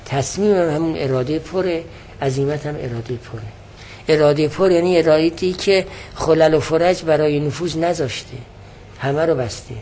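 A man with a fairly high voice teaches a religious text in a classroom lecture. He speaks patiently and explains each term step by step, often repeating his definitions. A faint hum of room noise sits behind him. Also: mellow.

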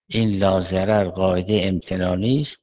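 A man's voice: low-pitched, fairly even intonation, dull audio. A man teaching Islamic jurisprudence in a seminary lecture, reasoning step by step and asking questions he then answers himself.

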